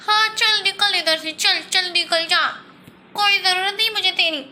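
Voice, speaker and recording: A woman's voice: extremely high pitch, fairly even intonation, measured pace, sharp tone, exaggerated voice. A woman acting a snooty, quarrelsome young sister who taunts and dismisses her rival in a homemade comic family sketch. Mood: scornful.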